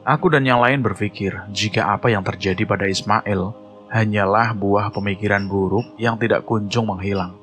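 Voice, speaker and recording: A man telling a horror story in measured, suspenseful scripted narration, with music playing behind. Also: lowish voice, fairly even intonation, a bit bright.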